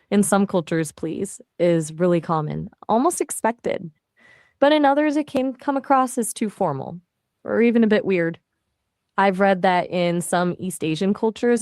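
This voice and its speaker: A woman's voice: on the low side, no room sound, studio quality. Chatty synthetic woman's assistant voice. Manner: chatty and relaxed, with casual fillers. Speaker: AI voice assistant answering questions. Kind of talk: casual conversational answers.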